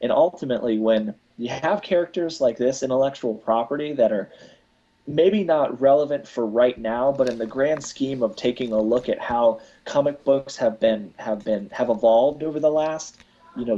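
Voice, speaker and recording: A man's voice: mid-range voice, normal speed, dark tone, breathy edge, highs cut off. A man hosting a casual live podcast, rambling with many restarts. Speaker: podcast host.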